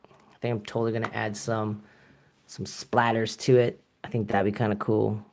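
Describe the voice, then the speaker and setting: A man's voice: lowish voice, little pitch movement, moderate pace, gravelly, darkish tone. A Canadian man chatting casually to viewers as he paints live, rambling with many fillers and chuckles. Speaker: artist streaming live. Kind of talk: casual live-stream chat while painting.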